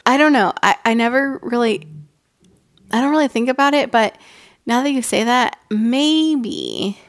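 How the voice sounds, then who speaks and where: A woman's voice: fairly high pitch, big pitch swings, a little slow, no echo, clean studio sound. A young woman co-hosting a podcast in casual chat, talking loosely with many fillers and laughing often. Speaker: podcast co-host.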